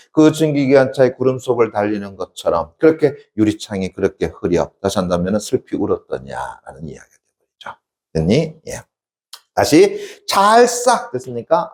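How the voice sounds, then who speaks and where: Man, literature teacher, exam-prep lecture, animated pitch, self-answering questions. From South Korea. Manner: asks constant check questions and answers himself; acts out poem lines with sudden high dramatic dialect.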